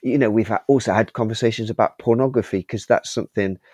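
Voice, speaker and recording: A man's voice: on the low side, quick pace, a little mellow, breathy edge, no echo, clean studio sound. A middle-aged father talking earnestly and reflectively in a casual podcast chat. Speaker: co-host, father.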